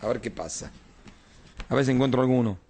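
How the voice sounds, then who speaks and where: A man's voice: mid-range voice, fairly quick, darkish tone, slightly rough. A man, a rabbi, teaching an informal Talmud class, explaining texts and often checking that his students follow.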